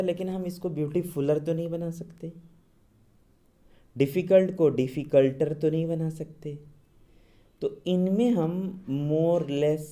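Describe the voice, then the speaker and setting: A man's voice: on the high side, dark tone. A man teaching English grammar, patiently explaining and drawing out his English examples word by word. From India. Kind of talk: classroom grammar lesson.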